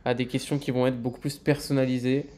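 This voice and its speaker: A man's voice: medium pitch, flat delivery, quick pace, mellow. A man answering a lecturer's question in a webinar, hesitant, with many fillers. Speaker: student.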